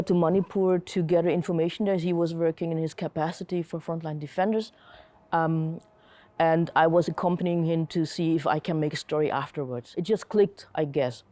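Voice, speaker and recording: A middle-aged German woman with a deep, mellow voice shares personal stories in a relaxed, reflective interview. She is a comic artist and curator being interviewed.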